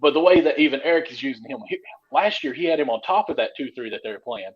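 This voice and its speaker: A man's voice: mid-range voice, expressive, fast talker, highs cut off. A man from Kentucky, hosting a casual sports chat in a folksy, enthusiastic way. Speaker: podcast co-host.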